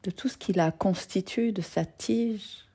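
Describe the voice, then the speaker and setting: Guiding a yoga nidra meditation, this woman uses a mid-range voice with a slightly rough edge. Her manner is soothing and soft-spoken, gentle, with long silences between phrases.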